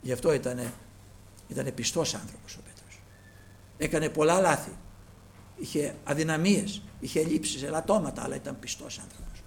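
A man preaching a sermon, emphatic and moving between loud and hushed, repeatedly addressing the brethren. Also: on the high side, creaky, a little hiss or hum.

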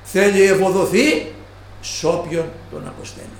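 A man preaching a sermon who slows down and stresses each quoted line of scripture. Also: sits high, slight background noise. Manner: slow, stressed quoting of scripture. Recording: echoey room.

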